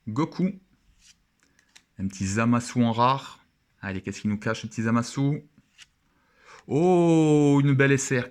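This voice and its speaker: A young man with a fairly low voice talks casually over a card opening. He sounds enthusiastic and chatty, pausing to admire each card as it comes out of the pack.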